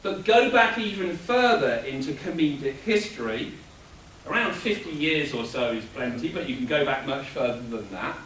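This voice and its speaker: Man lecturing lively in an echoey hall. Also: a little high, moderate pace, slight background noise. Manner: animated explanatory delivery with chuckles. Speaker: convention panelist. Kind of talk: lecture-style panel talk. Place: convention panel room. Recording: echoey room from a distance.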